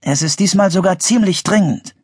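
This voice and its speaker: A man's voice: high voice, normal speed, husky, no echo, studio quality, voice pushed up. A man voicing an earnest young male wizard in a storybook audiobook, explaining things seriously in a lifted voice.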